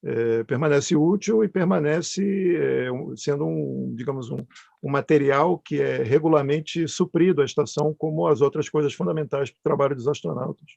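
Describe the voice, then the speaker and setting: Creaky man, halting explainer. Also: fairly high pitch, a little mellow, dry recording. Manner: halting, searching for words. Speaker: panel guest, artist. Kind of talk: thoughtful explanatory answers. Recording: dull, close, dry sound.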